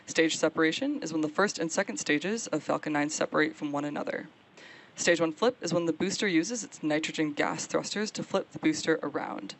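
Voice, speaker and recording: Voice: mid-range voice, fairly quick, creaky, poor audio. A launch webcast host giving explanatory live commentary on a rocket launch.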